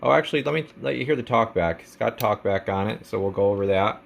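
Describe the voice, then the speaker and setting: A man with a lowish, creaky voice talks quickly as a radio technician showing off a radio for sale. He demonstrates it casually, step by step, in informal language peppered with trade jargon.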